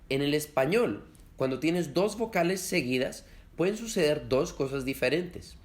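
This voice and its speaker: A man teaching a beginners' lesson on Spanish pronunciation, saying example words slowly and clearly. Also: medium pitch. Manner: clear, slow demonstration of sounds.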